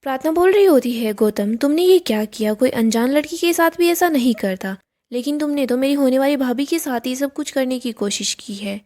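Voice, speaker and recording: High-voiced woman narrating a serial recap. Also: animated, a little fast, mellow. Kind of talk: scripted story recap narration.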